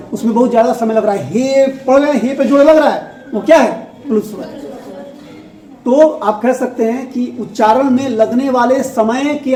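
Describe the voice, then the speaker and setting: Female teacher, bright high register, lively call-and-response lesson in a roomy classroom. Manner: asks questions and repeats answers, laughs often. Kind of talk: classroom Hindi grammar lesson. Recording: echoey classroom.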